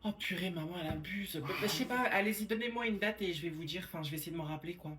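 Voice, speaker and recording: A woman performing a comedic sketch in a sassy, quick manner, switching between characters. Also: fairly low pitch. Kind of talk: comedic POV sketch, playing several characters. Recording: echoey room with noise behind.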